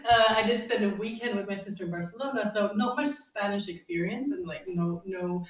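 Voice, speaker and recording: A woman's voice: medium pitch, a little fast, distant mic. German woman in her thirties, off-mic. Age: 30s. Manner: relaxed, laughs often, many fillers. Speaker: guest. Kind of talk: casual interview chat. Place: apartment overlooking the sea. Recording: echoey room, off-mic.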